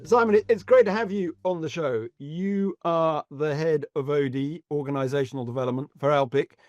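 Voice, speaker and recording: A man hosting a podcast interview, asking questions in a measured, thoughtful way. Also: fairly high pitch, a little mellow, no echo, highs cut off, faint music behind. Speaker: podcast host.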